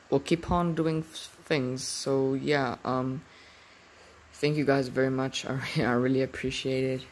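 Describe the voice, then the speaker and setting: A man giving a halting, casual video intro, pausing often and asking viewers to subscribe. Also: mid-range voice. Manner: halting, many pauses and fillers, asking to subscribe. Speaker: video uploader.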